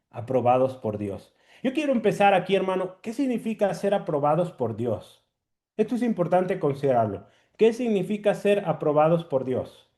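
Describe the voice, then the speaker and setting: High-voiced preacher teaching a sermon. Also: male voice, warm tone. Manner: teaching, repeats key words slowly and asks "¿sí?".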